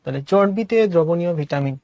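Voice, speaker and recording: A male teacher with a slightly high, somewhat mellow voice talks fast in an online class, mixing English words into his Bangla. He explains step by step, asking questions and answering them himself. The audio is dull with no echo.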